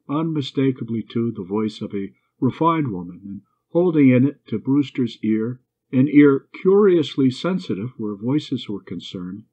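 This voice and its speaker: Man reading a story, muffled audio. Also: medium pitch. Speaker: narrator. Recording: dull lo-fi recording.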